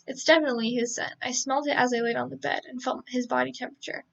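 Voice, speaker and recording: A woman reads a novel aloud on a casual live stream, tripping over words and tossing in joking asides. Her voice is high with a gravelly fry. The sound is dull and lo-fi. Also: little pitch movement, fast, a bit bright. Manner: stumbles and self-corrects, adds joking asides.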